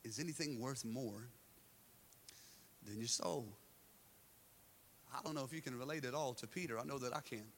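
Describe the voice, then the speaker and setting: A man preaching a live church sermon as pastor, animated and joking, swinging between loud acted-out dialogue and quiet intensity. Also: medium pitch, a little hiss or hum. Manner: drops to quiet, slow, intense delivery; jokes with the congregation. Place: church service.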